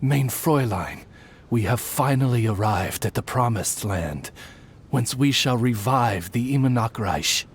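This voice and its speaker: A man's voice: medium pitch, expressive, unhurried, slight background noise. A man voicing a courtly, devoted raven retainer, speaking formally and deferentially in a video game. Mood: solemn, devoted.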